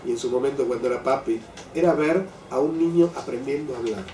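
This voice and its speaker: An older man leading a Torah class for a live group, often checking in with "¿sí?" and slowing down to stress key phrases. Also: mid-range voice, mellow. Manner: keeps asking "¿sí?" to his listeners. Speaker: Torah teacher. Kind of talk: religious class lecture. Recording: echoey room, voice from a distant mic, faint background noise.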